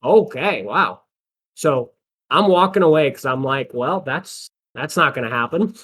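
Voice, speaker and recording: Animated man telling stories on a podcast. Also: on the high side, normal speed. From American Midwest. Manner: storytelling, acts out quotes, laughs often. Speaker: podcast co-host. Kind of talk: casual chat.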